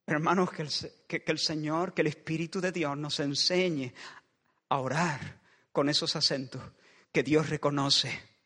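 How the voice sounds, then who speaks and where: A man's voice: on the high side, steady tone, measured pace, bright, forceful tone. A man preaching a sermon in a church, building passionate pleading refrains that circle back again and again. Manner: impassioned, with repeated pleading refrains. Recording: long reverb of a large hall.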